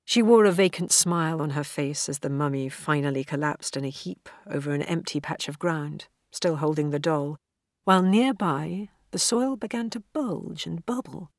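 Low-voiced woman reading a story. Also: no room sound, clean studio sound. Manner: measured, even storytelling. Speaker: audiobook narrator. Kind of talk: scripted narration.

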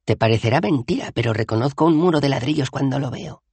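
A man doing a calm, good-natured tourist. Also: high-pitched, normal speed, slightly rough, no echo, voice pushed up, exaggerated voice. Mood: reassuring. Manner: soothing, light and reassuring.

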